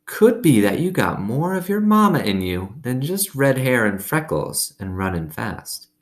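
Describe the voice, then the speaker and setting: A man's voice: mid-range voice, very animated, pitched above the performer's own voice. A man voicing a kindly old woman with failing eyes and folksy rural speech in a storybook read-aloud. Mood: warm, musing. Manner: folksy rural dialect, drawn-out phrases.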